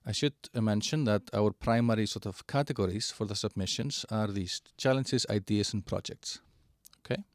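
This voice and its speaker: A man giving a halting walkthrough of an online platform, with many fillers and restarts. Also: lowish voice, no room sound, studio quality. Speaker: presenter of a digital platform. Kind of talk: screen-share product walkthrough.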